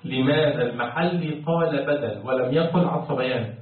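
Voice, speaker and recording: A man teaches a Quran commentary lesson. He keeps quizzing his students and chants the verses. His voice comes from far off in a booming echo through a thin, phone-like line. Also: moderate pace. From Egypt. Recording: very echoey, distant, phone-like sound.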